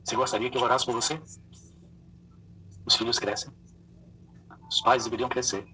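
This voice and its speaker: A man, a pastor and psychologist, preaching with animated storytelling and acting out voices. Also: mid-range voice, normal speed, distant mic, a little hiss or hum, poor audio. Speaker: pastor and psychologist giving a talk. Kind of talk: sermon with acted-out stories.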